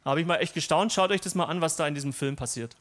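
A man's voice: a little high, very fast, a bit bright. A man preaching a sermon in a conversational, personal and lightly humorous way.

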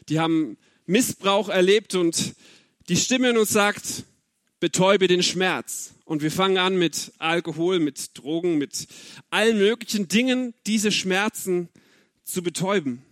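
A man's voice: high voice, unhurried, fairly bright tone, dry recording, studio quality. A man in his thirties giving an earnest, personal sermon and speaking straight to his listeners. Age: 30s. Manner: earnest, personal, addressing the audience directly. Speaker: preacher.

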